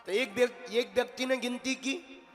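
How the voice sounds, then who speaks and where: A male preacher giving a devotional sermon, telling a story with animated delivery and bursts of shouted emphasis. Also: very high-pitched, moderate pace. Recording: long hall reverb with faint music.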